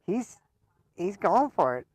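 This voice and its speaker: A man's voice: sits high, big pitch swings, slow, a little mellow, no room sound. A man giving casual live commentary on a pool match. He chats, laughs often, and stumbles over repeated words.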